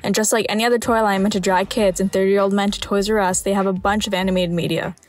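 A woman's voice: mid-range voice, little pitch movement, fast. A woman narrating scripted video commentary with dry, wry humour.

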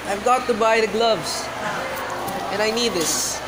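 A man's voice: high voice, lively intonation, a little slow. A teenage boy acting as an impulsive schoolboy fixated on a fad, talking in a restless, insistent way. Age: teens. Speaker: student obsessed with boxing gloves. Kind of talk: student short film acting. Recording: loud background noise.

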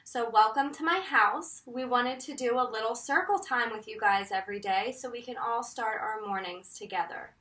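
American lady teacher doing singsong circle time for little kids, high bright voice, echoey room. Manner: singsong, encouraging, drawn-out emphasis for small children. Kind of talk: children's lesson with call-and-response. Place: indoor room at home, in front of wall board. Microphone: camera a couple of metres away. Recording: roomy echo, distant microphone.

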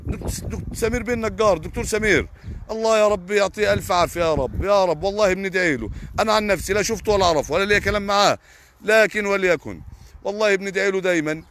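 A man's voice: high voice, racing, fairly bright tone, a little hiss or hum. A young man with an Egyptian Arabic accent, a farmer on a live stream answering viewers' comments in a heated, indignant way with repeated oaths. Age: young adult.

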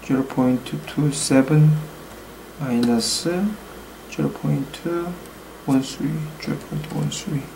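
A man with a Korean accent speaks slowly and hesitantly, full of pauses and fillers, as he reads numbers aloud in a thinking-aloud tutorial on engine work as a hobby mechanic. His medium-pitched voice is creaky with fairly even intonation. Background noise fills the small room at home where he's recording.

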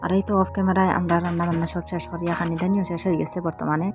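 Woman, Sylheti accent, thirties, earnest pleading vlog chat, quick, low voice. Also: level tone, music in the background. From Sylhet region, Bangladesh. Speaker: village lifestyle vlogger.

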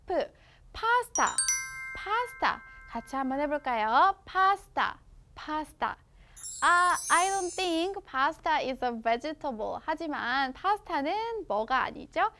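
A young woman with a Korean accent reading a children's English picture book aloud, stretching the English words slowly and explaining quickly in between, in an encouraging teacher's tone. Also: sits high, fairly bright tone.

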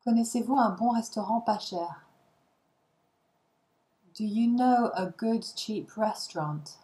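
A woman's voice: on the high side, slow pace, mellow, poor audio. A woman reading short phrases for a language lesson, each one followed by its translation. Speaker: language teacher.

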